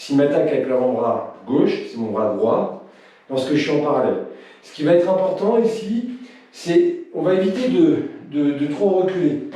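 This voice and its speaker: A man's voice: on the high side, normal speed. A man teaching a live self-defense class, explaining techniques and joking casually with his online viewers. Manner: shouts counts loudly, then jokes casually. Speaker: krav maga instructor. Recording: distant mic in echoey room.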